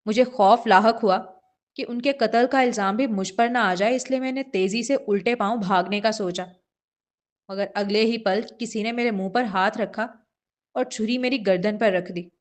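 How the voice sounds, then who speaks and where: A woman's voice: medium pitch, close to an everyday voice. A woman voicing a frightened mother who confesses a past ordeal in a first-person audiobook reading, earnest and shaken. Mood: fearful.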